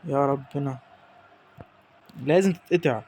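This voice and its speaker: A young man with an Egyptian Arabic accent giving excitable, exasperated commentary over his own football gameplay. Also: medium pitch, unhurried, a little hiss or hum. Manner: excitable, exasperated, talks to the players on screen. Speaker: gaming YouTuber.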